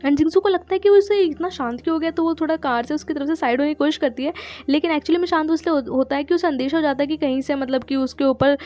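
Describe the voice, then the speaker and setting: A woman's voice: sits high, fast talker, a little mellow, muffled recording. A woman casually retelling a drama's plot in a chatty way, briefly quoting the characters' lines and using lots of filler words. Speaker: channel host retelling a drama.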